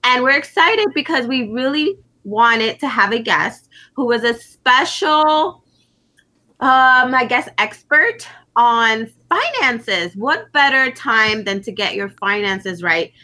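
A woman's voice: a little high, expressive, slow, pushed and bright, low-quality recording. A woman co-hosting a podcast in casual chat, upbeat and enthusiastic. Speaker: podcast co-host.

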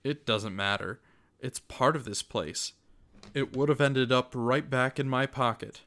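A man's voice: medium pitch, measured pace, sharp tone. A man playing a weary, centuries-old ferryman of souls, earnest and full of regret, in a dramatic story. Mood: resigned. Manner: earnest, confessional.

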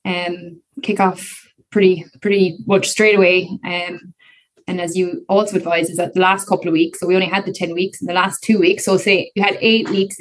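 A woman's voice: lowish voice, poor audio. A woman in her thirties from Kerry with a west of Ireland accent, telling her story casually as a podcast guest in a chatty, slightly hesitant way. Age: 30s.

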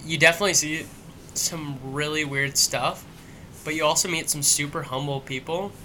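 A man's voice: a little high, steady tone, moderate pace, pushed and bright, a little hiss or hum. A tipsy man co-hosting a casual podcast, laid-back and agreeable, with lots of fillers. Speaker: podcast co-host. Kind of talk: casual chat.

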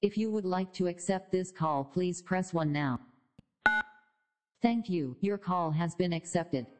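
A woman's recorded operator prompt for a prepaid collect payphone call, in an even, measured, formal delivery. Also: lowish voice. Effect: automated payphone collect-call prompt.

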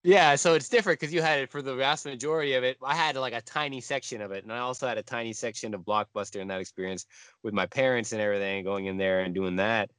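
A man in his mid-twenties, a guest answering casually in a halting way with many fillers. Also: mid-range voice, a bit bright, clear, resonant tone, dry recording. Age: 20s. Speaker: guest musician. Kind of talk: casual conversational interview.

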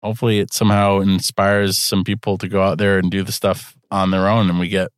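Casting: male podcast co-host, low voice, rambling and self-mocking, dry close sound. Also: level tone, fairly quick, smooth, dry recording. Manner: rambling, joking, self-deprecating. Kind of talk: casual podcast chat.

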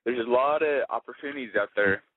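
A man's voice: medium pitch, a little fast. A young man who is a regular on a radio show, rambling with many fillers. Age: young adult. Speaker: regular segment contributor. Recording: dry lo-fi radio broadcast.

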